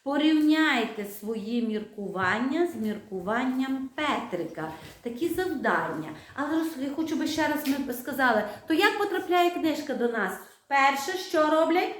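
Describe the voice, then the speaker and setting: High-voiced woman teaching primary school. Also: animated. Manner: instructive, patient, drawn-out dictation. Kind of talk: online class lesson. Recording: echoey room, faint noise.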